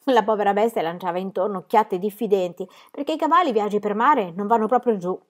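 A woman reading a children's storybook aloud in a calm, expressive narrating voice. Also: medium pitch, fast talker. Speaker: reader.

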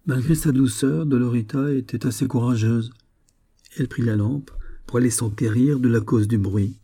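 A man narrating an audiobook story in a measured, expressive way. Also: mid-range voice.

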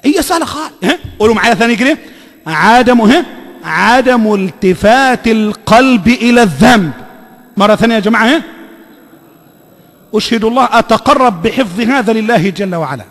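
An Egyptian man gives a sermon in a very high voice, stressing points by repeating them and quizzing the crowd for answers. His voice rings with a long reverb from the hall. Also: expressive, brisk, fairly bright tone. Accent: Egyptian Arabic. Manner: emphatic, repeats phrases, quizzes the audience. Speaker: preacher.

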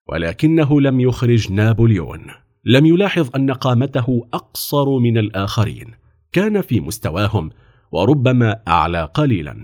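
Expressive male storyteller. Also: fairly low pitch. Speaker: narrator. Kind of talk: children's story narration.

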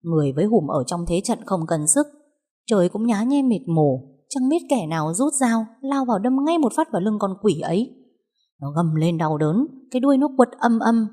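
A woman's voice: medium pitch, sing-song, moderate pace, mellow, pitched above the performer's own voice. A woman voicing a young village man who urgently recounts a deadly tiger hunt.

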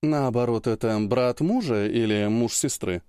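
A man reading an audiobook, voicing a calm, modest priestess woman who speaks slowly and precisely. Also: medium pitch, smooth, dry recording, studio quality, close to an everyday voice.

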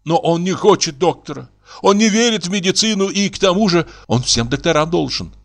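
A man's voice: sits high, lively intonation, a little fast, pitched above the performer's own voice. A man voicing an anxious young actor's wife who pleads fretfully in an audiobook reading. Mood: pleading.

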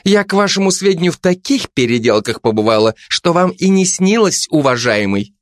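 A man's voice: fairly high pitch, big pitch swings, a little fast, no echo, clean studio sound, voice pushed up. A man voicing a brash bossy policewoman. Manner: loud, domineering, scolding. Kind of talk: audiobook character voice.

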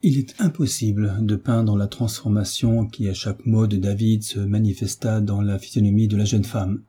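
A man narrating a classic novel as an audiobook in a measured, even storytelling manner. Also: lowish voice, husky.

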